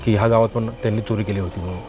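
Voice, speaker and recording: In a short drama, a man plays a sorrowful old village widower, recounting the past in a low, heavy, mournful monologue. His natural voice holds a steady tone but comes rapid-fire. There's background noise and music.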